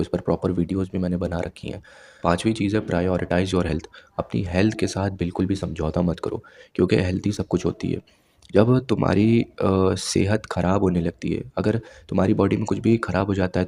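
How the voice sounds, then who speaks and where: A man's voice: low voice, creaky, dark tone. A man in his twenties giving blunt self-improvement advice straight to his viewers, lecturing them directly. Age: 20s. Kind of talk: advice monologue to camera.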